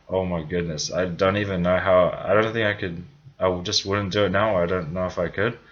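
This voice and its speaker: In lo-fi audio, a young man from New Zealand rambles through a personal story for his vlog. He uses many fillers and keeps correcting himself. His low voice has a slightly bright quality and a New Zealand accent.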